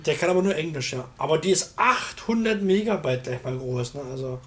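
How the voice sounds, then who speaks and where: A man's voice: on the high side, lively intonation, brisk, fairly bright tone. A man chatting casually about technology and explaining it in a colloquial way, often checking in with short question tags. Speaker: discussion participant demonstrating software.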